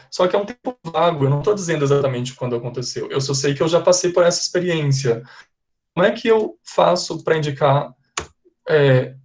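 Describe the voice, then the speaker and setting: A man teaching English to a class, explaining patiently and slowly repeating example sentences. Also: fairly high pitch, darkish tone. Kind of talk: live online class.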